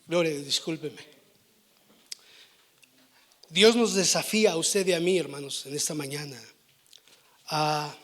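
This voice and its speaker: Man, middle-aged pastor, high voice, lively sermon delivery that drops to a near-whisper. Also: breathy edge. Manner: animated, shifts from playful to tearful and quiet. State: voice breaking with emotion. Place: church hall.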